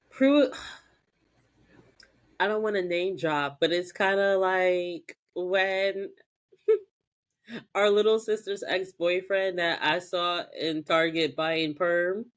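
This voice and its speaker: A woman's voice: fairly low pitch, very slow, long pauses. A woman co-hosting a podcast, recapping a TV episode in casual chat and acting out lines with plenty of swearing. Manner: animated retelling with acted-out quotes, profane. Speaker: podcast co-host.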